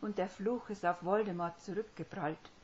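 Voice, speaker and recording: A woman voicing an earnest, tearful young witch who speaks in an urgent, hushed and choked way. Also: mid-range voice, fairly even intonation, normal speed, slight background noise, pitched above the performer's own voice, lightly acted. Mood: firm, fervent. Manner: earnest, by turns hushed and fervent. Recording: dull lo-fi recording.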